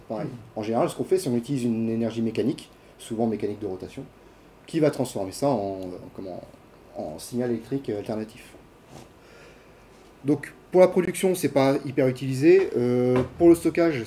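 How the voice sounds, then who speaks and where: A man's voice: medium pitch, warm tone, a little hiss or hum. A man giving a casual classroom lecture, with many fillers, restarts and questions to his students. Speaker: university lecturer. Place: lecture hall.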